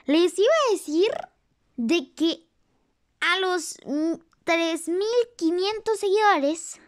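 A YouTuber reacting to an animated series speaks in a put-on cartoonish character voice, not their real one, pitched extremely high and delivered slowly and unhurriedly. The commentary is excited, with repeated exclamations and lines echoed while watching, as they chat with the audience and laugh at their own slips.

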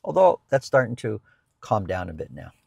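A man's voice: on the low side, sing-song, normal speed, gravelly, a little mellow, husky, no echo, muffled recording. A middle-aged man, a real estate agent, answering viewer questions in casual chat from a parked car, explaining with frequent restarts and repeated words. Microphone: lapel mic.

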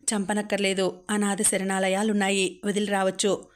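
A woman's voice: medium pitch, level tone, moderate pace, lightly acted. A woman voicing Madhav, a harsh young husband who speaks with cold mockery. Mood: scornful. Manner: cold and mocking.

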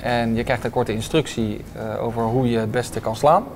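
A man's voice: medium pitch, steady tone, moderate pace, a little mellow, slight background noise. Hesitant man interviewed in a restaurant. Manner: hesitant, many filler sounds. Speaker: restaurant owner. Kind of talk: interview answers. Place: restaurant dining room with large windows.

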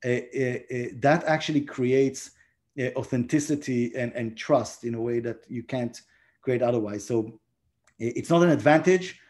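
A guest diplomat, a man in his forties with an Israeli accent, talks at a normal pace in a medium-pitched, darkish voice. He's answering interview questions via video call from his home, indoors. His speech is peppered with fillers and false starts.

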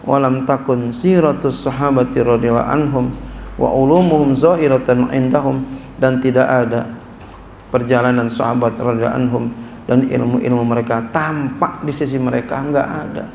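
Gravelly-voiced preacher, echoey room. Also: male voice, medium pitch, slight background noise. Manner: reads Arabic slowly then explains in colloquial speech, rising to animated scolding. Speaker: kyai teaching a classical text. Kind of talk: sermon-style kitab lesson. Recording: echoey room with faint ambience.

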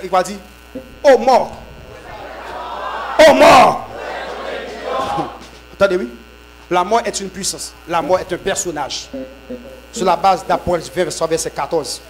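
A man preaches a sermon. His voice sits high for a man. He swings from shouted, fervent bursts to lower, quieter teaching. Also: a little hiss or hum, poor audio. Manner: shouts in fervent bursts with repeated amens, drops low when teaching. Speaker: apostle preaching at a conference.

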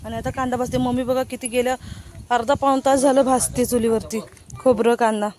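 A woman's voice: on the high side, little pitch movement, fairly quick, a little mellow. A woman, chatting casually as she shows her family and rural home in a vlog. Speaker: vlogger. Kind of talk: casual village vlog narration.

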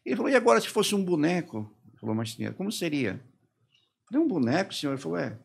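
Gravelly middle-aged man recounting his ordeal. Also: on the high side, sing-song. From Brazil. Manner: halting retelling, quoting his interrogators and himself. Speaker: podcast guest. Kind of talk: personal testimony in a podcast interview.

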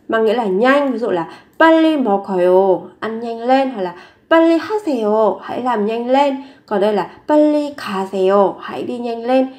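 Patient woman teaching language, higher voice. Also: a little mellow. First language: Vietnamese. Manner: patient, explanatory, repeats example phrases slowly. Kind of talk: teaching Korean grammar in Vietnamese.

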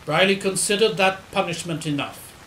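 A man plays a loyal, earnest doctor in an audio drama. The voice is high and bright, explaining things in measured phrases in a roomy space. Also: a little hiss or hum. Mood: earnest recounting. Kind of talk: audio drama acting, storytelling.

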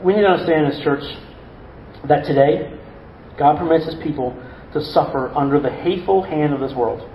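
A male pastor delivers a sermon with earnest conviction, often doubling words and tossing in rhetorical asides. His voice sits fairly high. The recording carries the roomy echo of a church and a faint background hum. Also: a little fast, dark tone.

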